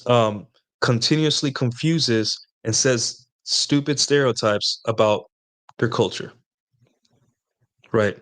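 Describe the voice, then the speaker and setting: Casual male host, mid-pitched, loose and rambling, keeps tossing in "right?" while giving dating tips. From Latin America. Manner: rambling, conversational, frequent "right?" tag questions. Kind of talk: casual dating advice talk.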